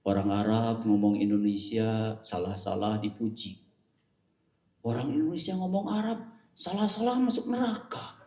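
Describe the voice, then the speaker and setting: A man's voice: lowish voice, animated, moderate pace, a little mellow. A man giving a humorous religious lecture who jokes and keeps quizzing his audience with questions. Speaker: religious teacher. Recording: echoey room, mic at a distance.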